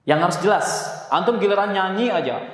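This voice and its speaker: A man leads a Quran recitation class for his congregation, keeping it relaxed and encouraging with the odd joke. His voice sits a little high for a man. A handheld mic carries it through a mosque hall that rings with long, heavy reverb. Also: brisk.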